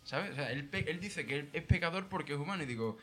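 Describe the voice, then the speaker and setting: A man's voice: on the high side, animated, quick pace, pushed and bright, faint music behind. A man telling a crude comic story, laughing and swearing as he goes. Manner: swears freely, laughs through his own story. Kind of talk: casual comedic storytelling.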